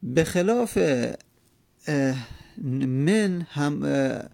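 Male teacher, gravelly tone, patient and repetitive, giving a classroom grammar lesson, dry close recording. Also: fairly high pitch, expressive, mellow, no room sound. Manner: patient, repeats examples, rhetorical questions.

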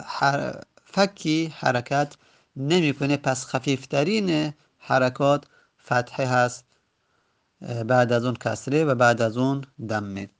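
Gravelly man teaching grammar. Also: medium pitch. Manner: slow, drawn-out sounding of example words. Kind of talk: grammar lesson.

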